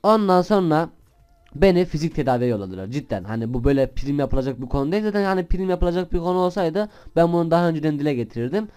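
A young man chats through his gameplay in a loose, rambling way, going off on tangents. His voice is smooth and clean, pitched a little high for a man. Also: lively intonation, quick pace. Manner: chatty and rambling, bursts into shouted swearing at other players. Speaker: gaming channel host. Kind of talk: casual gameplay commentary.

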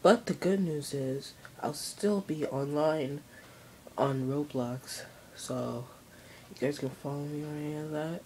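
A video channel host making a casual announcement to viewers, halting and muffled by cloth over the face. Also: medium pitch, a little mellow. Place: indoors in a room, seated in an armchair. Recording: clear background room noise.

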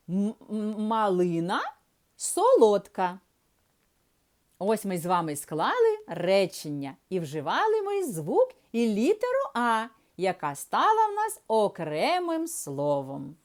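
A woman teaching a reading lesson to small children in a slow, sing-song teacher voice. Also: fairly high pitch. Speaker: preschool teacher. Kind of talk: early-years reading lesson.

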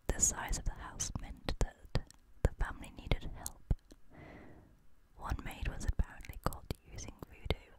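A young woman narrates a spooky tale as ASMR. Her voice stays in a hushed, breathy whisper, spoken closely into a studio microphone. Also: low-quality recording. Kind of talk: whispered ASMR reading of a creepy story.

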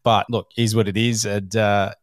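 A man with an Australian accent hosts a podcast, spinning his stories in a loose, animated way with bits of laughter and casual slang. His voice sits low, and the sound is dry and close with no room in it. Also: normal speed, no echo. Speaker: podcast host. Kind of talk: casual storytelling chat.

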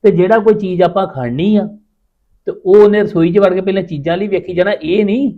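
A man playing a busy farmer husband, talking in a gruff, defensive way. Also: high voice, a little fast, highs cut off. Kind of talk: village drama acting.

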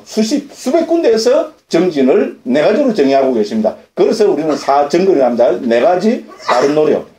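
A Korean Buddhist monk with a warm, high-sitting voice gives a dharma lecture in the lecture hall of a Buddhist center. He often asks and answers his own questions and checks agreement with short tag questions, and the recording has a roomy hall sound.

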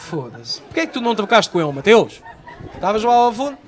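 A young man with a Portuguese accent doing live stand-up, bantering loudly with the audience and swearing freely. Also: high voice, very animated, quick pace. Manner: loud, profane banter with the audience. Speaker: stand-up comedian. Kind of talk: live stand-up with crowd work. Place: comedy stage before a live audience. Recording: live show with faint crowd noise.

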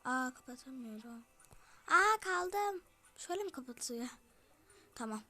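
A woman's voice: sits high, expressive, measured pace, pushed and bright. A female YouTuber giving chatty game commentary, talking straight to her viewers and slipping into whispered asides. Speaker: gaming YouTuber.

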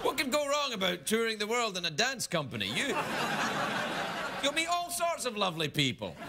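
A man's voice: high voice, wildly swooping pitch, moderate pace, vocal fry. A middle-aged man hosting a late-night talk show, reading viewer mail with playful, mock-serious banter. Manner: playful, mock-serious, jumps between silly voices. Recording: loud background noise.

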